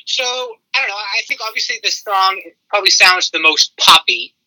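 Give me a man on a phone speaker with a bright, dry voice. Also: high voice, expressive, normal speed, dry recording, low-quality recording. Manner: hesitant, many fillers and repeats. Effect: heard over a phone speaker. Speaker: guest music reviewer on a call. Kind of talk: casual chat.

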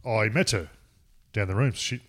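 Low-voiced Australian man spinning a yarn. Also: moderate pace, a bit bright. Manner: rambling, crude, laughs at himself. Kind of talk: casual storytelling chat.

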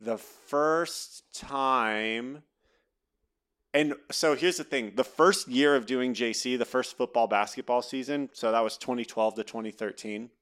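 A man's voice: medium pitch, a little slow. A man in his thirties, a podcast guest, telling stories in a casual interview and acting out what other people said. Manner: animated, acts out quoted voices while telling stories.

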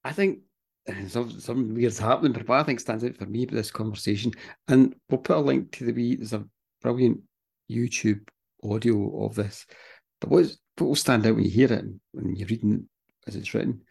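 A man's voice: fairly low pitch, brisk, vocal fry, darkish tone, slightly rough. A man with an Irish accent, co-hosting a podcast in casual chat, self-deprecating and swearing now and then. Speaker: podcast co-host.

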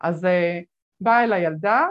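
A woman guest telling stories in an interview, animated, acting out the voices of people she quotes, with many fillers. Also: lowish voice, muffled recording. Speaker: guest speaker. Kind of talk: conversational interview storytelling.

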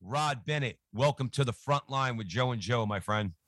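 A man's voice: medium pitch, normal speed, a bit bright, no echo, clean studio sound. A man speaking as a show host, giving an introduction and handing over.

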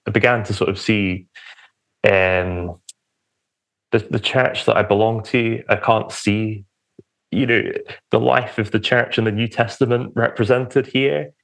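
Young male podcast guest, slightly low voice, hesitant conversational testimony. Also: steady tone, a little slow. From England, Romford in Essex on the edge of London. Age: young adult. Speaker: podcast guest, church minister.

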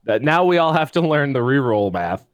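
A man co-hosting a casual tabletop wargaming podcast, talking in an animated, rambling way and often breaking off his own sentences. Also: medium pitch, moderate pace, no room sound. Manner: animated, rambling, self-interrupting. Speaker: co-host.

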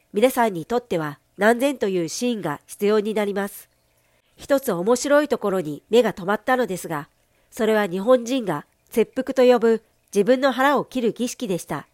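A woman giving a steady, measured, formal reading of a translated sermon. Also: on the high side, no room sound, studio quality.

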